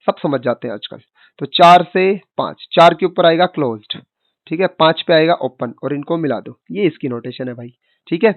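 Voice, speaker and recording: A man with a fairly high pitch teaches maths online in a conversational style, calling his students kid and boss. He asks their questions for them and answers each one, all in a dry, tinny, phone-like recording.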